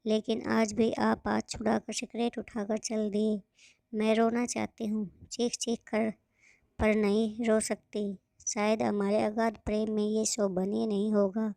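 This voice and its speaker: A woman voicing a grieving young pregnant wife who pours her pain into a letter, in a slow, subdued, sorrowful way. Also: medium pitch, flat delivery, vocal fry, dark tone, no room sound.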